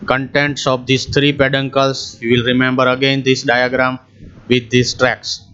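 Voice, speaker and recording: Man, very slow anatomy lecture, steady monotone, muffled lo-fi sound. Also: medium pitch, smooth. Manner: mixes Hindi and English, walks through a diagram step by step. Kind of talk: slow, deliberate medical lecture. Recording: muffled, slightly lo-fi screen recording.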